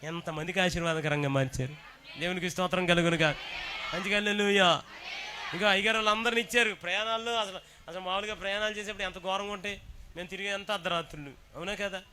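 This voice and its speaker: A man preaching a sermon, calling on the congregation to answer and shouting praises. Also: sits high, fairly even intonation, quick pace. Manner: shouts praises and urges the congregation to respond loudly. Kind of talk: sermon with call-and-response.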